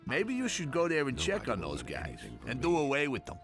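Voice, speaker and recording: A superstitious ex-seafarer from a fantasy video game. He confides his worries uneasily, with a swooping, animated pitch. Music plays clearly behind him. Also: moderate pace. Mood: uneasy, confiding. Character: superstitious former seafarer, a gossipy farmhand. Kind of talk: video game dialogue acting.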